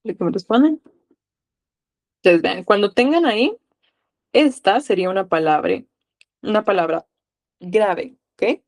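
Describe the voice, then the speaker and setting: A woman's voice: medium pitch, animated, measured pace, long pauses. A woman from Guatemala with a Guatemalan accent, tutoring a live online class and coaxing students with questions.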